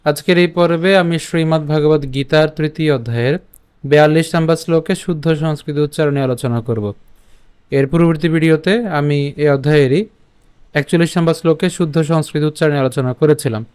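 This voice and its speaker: A man with a Bengali accent leads a recitation lesson, with a smooth, resonant voice set a little high. He drawls each syllable of the Sanskrit verse again and again. He races through the greetings and sign-offs. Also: darkish tone. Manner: slow syllable-by-syllable chanting with repetitions.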